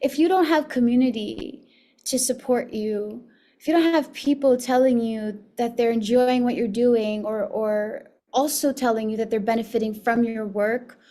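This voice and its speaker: Young woman from miami, chatty interview guest, kinda high voice, laughs a lot. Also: steady tone, moderate pace, warm tone. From Miami, United States. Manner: chatty, laughs often, many fillers. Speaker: actress, guest. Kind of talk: casual interview chat.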